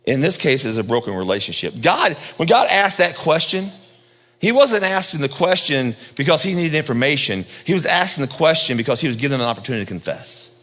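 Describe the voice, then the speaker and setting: A pastor preaching a sermon at a pulpit microphone, swinging from loud high emphasis down to low hushed lines. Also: male voice, sing-song, a little fast, long reverb tail.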